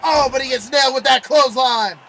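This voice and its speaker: A man calling play-by-play as a wrestling commentator, excitable and exclamatory in his delivery. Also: very high voice, brisk, poor audio.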